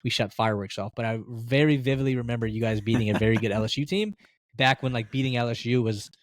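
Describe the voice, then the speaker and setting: A man's voice: medium pitch, steady tone, fast talker, dry recording, clean studio sound. A man co-hosting a sports podcast, talking in a chatty, storytelling way and laughing easily. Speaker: podcast co-host. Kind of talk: casual sports chat.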